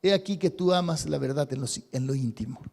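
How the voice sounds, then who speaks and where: A male pastor giving an animated sermon, acting out sample prayers and checking in with the congregation. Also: a little high, fast, vocal fry. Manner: animated, acts out sample prayers, asks "¿sí?" often. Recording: reverberant hall.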